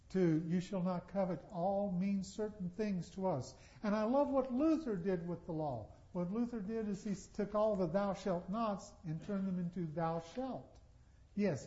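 A man's voice: sits high, warm tone. A man preaching a sermon, repeating key phrases for emphasis and using folksy everyday examples. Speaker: pastor. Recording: dull, slightly lo-fi sound.

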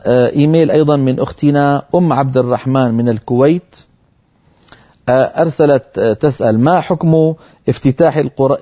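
A man teaching Quran recitation on a TV program, answering viewer questions firmly and reciting verses slowly to demonstrate. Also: medium pitch, warm tone, lo-fi sound.

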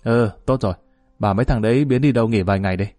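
A man's voice: fairly low pitch, racing, dark tone, no echo, faint music behind, close to an everyday voice. A man voicing a curt, commanding male boss giving orders in a spoken story.

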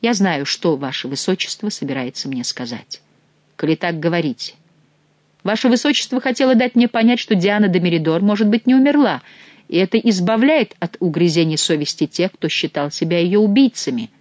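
A man reading an audiobook and voicing a proud nobleman who speaks calmly and deferentially while holding his ground against a prince. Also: sits high, a little fast, no echo, pitched above the performer's own voice. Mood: calm, cold. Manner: calm, restrained, deferential on the surface, impassive. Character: cold, proud male nobleman, the prince's master of the hunt.

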